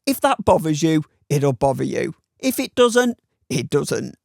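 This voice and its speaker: A man's voice: on the high side, very animated, unhurried, creaky, darkish tone, no room sound. A man with a Northern English accent giving a scripted watch review voice-over in a dry, wry, opinionated way. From Northern England.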